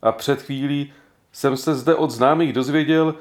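A man's voice: medium pitch, fairly even intonation, pitched above the performer's own voice, close to an everyday voice. A man voicing an old grandfather who speaks with earnest, heartfelt gratitude in a storybook reading. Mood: moved. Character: moved, grateful old grandfather.

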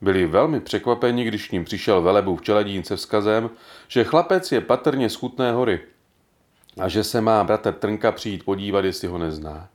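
Casting: a calm, measured male audiobook narrator with a low voice.

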